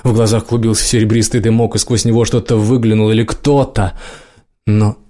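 A male audiobook narrator with a fairly low voice reads a scripted story. His delivery is steady and dramatic, keeping an even storytelling flow. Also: fairly quick.

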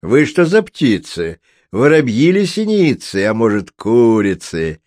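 A boisterous, good-humored traveling showman, as a man reading the story puts him on. He is loud and jokey, with a slightly raised, hearty voice. The reading is recorded close and dry. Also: medium pitch, wildly swooping pitch, unhurried, no room sound. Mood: jovial. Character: jovial hearty male traveling showman, rhyming.

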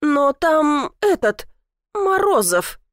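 An indignant, sharp-tongued young woman from the city, as a woman reader plays her. She snaps back in a high, animated voice. The sound is dry and close. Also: takes it slowly, dry recording, full character voice. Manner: indignant, snappy.

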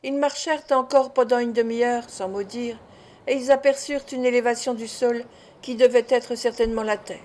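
A woman reading an adventure story aloud in a measured, expressive way. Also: on the high side. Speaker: audiobook reader. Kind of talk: scripted narration.

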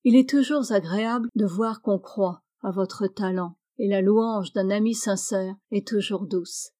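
A woman narrating a classic novel aloud in a measured storytelling manner. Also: medium pitch, mellow. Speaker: audiobook reader.

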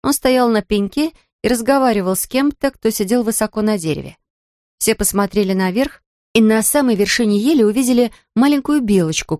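A woman narrates a children's storybook in a calm, even voice. Her pitch sits in the middle range. The recording is dry and close, with no room sound. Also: dry recording.

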